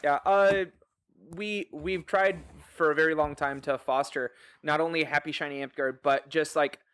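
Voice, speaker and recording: A man's voice: fairly high pitch, fairly even intonation, moderate pace, fairly bright tone, clear, resonant tone. A man on a discussion panel, chatty, often laughing and acting out quoted voices as he tells stories.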